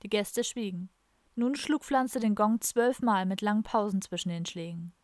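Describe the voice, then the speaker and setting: A woman narrating an audiobook in a steady, even storytelling manner. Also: medium pitch, moderate pace, no echo, clean studio sound. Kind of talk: scripted narration.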